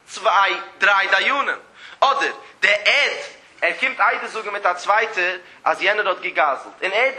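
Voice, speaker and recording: Male religious teacher, high keen voice; recites text lines, then explains them with lively emphasis. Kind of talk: traditional religious text lecture.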